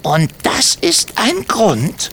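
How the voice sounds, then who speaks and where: A man's voice: sits high, huge pitch swings, extremely slow, creaky, a bit bright, a little hiss or hum, pitched above the performer's own voice, full character voice. A man voicing a kind but firm bearded father gnome who lectures children patiently. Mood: earnest, firm. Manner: earnest, patiently lecturing, repeats questions.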